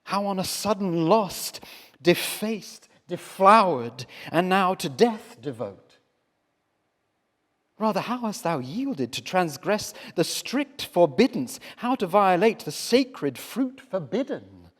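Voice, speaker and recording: A man voicing Adam, the first man, devoted and torn, in an impassioned dramatic verse reading that swings from hushed to loud. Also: sits high, big pitch swings, slow pace, heavily acted. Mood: anguished. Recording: long hall reverb.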